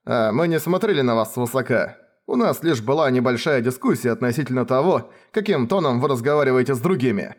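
A man's voice: mid-range voice, lively intonation, a little fast, hardly any pauses, close to an everyday voice. A man reading a weary, sardonic young traveler. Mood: deadpan. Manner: tired, exasperated retorts.

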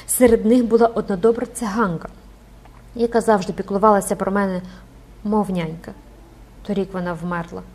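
A woman's voice: medium pitch, darkish tone, slightly rough. A woman voicing a frightened young girl who pleads with her mother for help.

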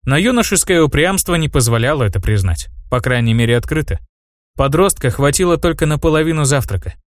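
A man narrating a first-person fantasy audiobook in a steady, even storytelling manner. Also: a little high, a little fast, dry recording, studio quality.

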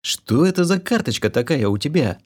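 A man's voice: a little high, big pitch swings, brisk, voice pushed up. A man voicing a puzzled male party member in an audiobook, astonished.

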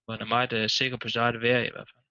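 A man's voice: mid-range voice, monotone, pushed and bright, lo-fi sound. A man co-hosting a podcast in casual film chat, who recalls details and adds facts about films. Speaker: podcast co-host.

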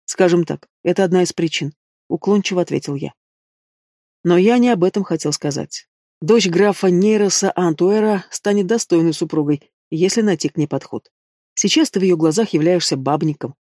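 Male audiobook narrator, higher voice, dry sardonic delivery, dry close-mic sound. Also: moderate pace, mellow, dry recording. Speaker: audiobook reader. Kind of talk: scripted first-person narration.

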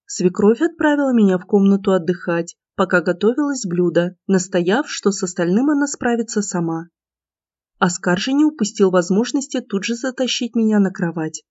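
A woman's voice: mid-range voice, animated, moderate pace, darkish tone, no room sound. Woman narrating a romance audiobook. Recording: dull, slightly lo-fi dry recording.

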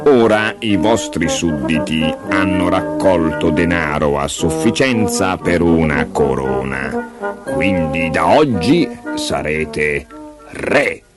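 A man voicing a solemn, formal court chancellor in a storybook reading, speaking slowly. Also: deep voice, lively intonation, over loud music, pitched below the performer's own voice. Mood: grave. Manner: slow, grave, formal. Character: solemn old male chancellor, grave and formal.

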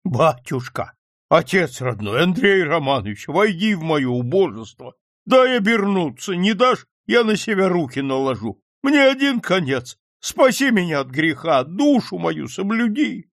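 A man's voice: sits high, sing-song, measured pace, fairly bright tone, no room sound, studio quality, voice pushed up, exaggerated voice. A man reading an audiobook, voicing a desperate male merchant who begs and wails for mercy. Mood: pleading. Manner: wailing, begging.

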